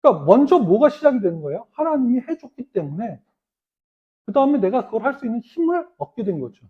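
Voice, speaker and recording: A man preaches a Sunday sermon in a high, animated voice that swings widely in pitch. He talks to the congregation in a conversational way and acts out the people he quotes. The recording is tinny, as if heard over a phone line. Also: quick pace. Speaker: pastor.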